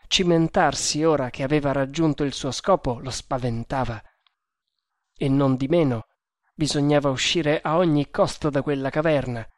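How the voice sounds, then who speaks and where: A man reading an adventure novel aloud as audiobook narrator, in a measured, dramatic manner. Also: medium pitch, no echo, clean studio sound.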